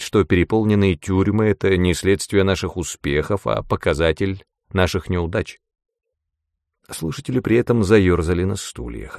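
A man narrating an audiobook in a calm, steady reading voice. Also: sits low, vocal fry, no room sound, clean studio sound. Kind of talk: scripted narration.

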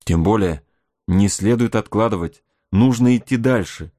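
A man's voice: fairly low pitch, normal speed, mellow, no room sound, clean studio sound, natural voice. A man reading aloud voices a young officer, ardent and anxious, speaking in an earnest, eager way.

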